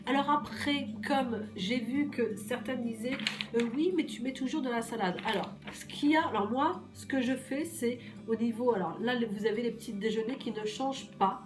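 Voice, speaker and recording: A woman from Normandy with a hoarse voice from a cold, chatting casually and reassuringly to her viewers about a weekly menu, with many fillers and repeats. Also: a little high, moderate pace, music in the background. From Normandy, France. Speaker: weight-loss menu vlogger.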